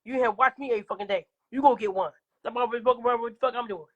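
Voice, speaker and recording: A woman's voice: a little high, racing, phone-quality sound. A woman livestreaming from her phone, coughing now and then, talking back to viewers in a combative, profane casual rant.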